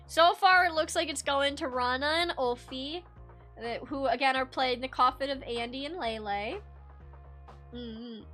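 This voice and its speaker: Sleepy young woman chatting on stream, high voice, lots of stumbles and little laughs. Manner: laid-back, rambling with many restarts and soft laughs. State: sleepy, yawning. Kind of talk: casual live-stream chat reading viewer comments.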